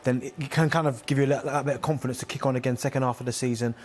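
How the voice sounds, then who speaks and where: A man works as a football pundit, talking at a very rapid clip. His pitch is average and his delivery is conversational analysis. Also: steady tone.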